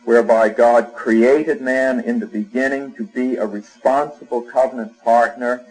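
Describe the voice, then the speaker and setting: A man's voice: mid-range voice, steady tone, normal speed, darkish tone, husky, soft background music, rough recording. Male preacher, conversational sermon. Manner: conversational preaching with fillers and homely examples.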